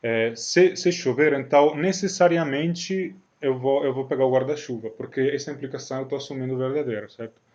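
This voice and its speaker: A man's voice: medium pitch, a little mellow, highs cut off. A man from Italy with an Italian accent, giving a recorded university logic lecture in a hesitant way, with many fillers and frequent checks on the listener.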